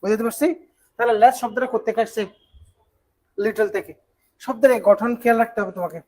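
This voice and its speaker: A teacher from Bangladesh teaches English grammar in an online class. The voice sits at a middle pitch and moves patiently through each point. Quick rhetorical questions keep the students following along. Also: darkish tone, rough recording. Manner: explains step by step, asks rhetorical check questions.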